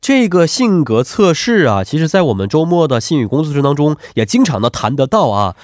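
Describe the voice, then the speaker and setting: A male radio host speaks with a clearly stuffed-up, nasal voice, as if congested from allergies. His intonation is lively and his manner polite and attentive as he interviews. The sound is dry and close. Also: on the high side, brisk. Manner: polite, attentive, echoes answers back. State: allergic rhinitis.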